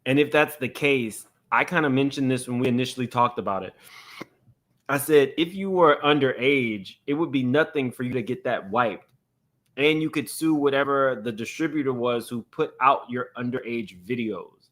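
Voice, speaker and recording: Casting: male commentary host, mid-pitched voice, casual and conversational, blunt and unapologetic. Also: moderate pace, a bit bright.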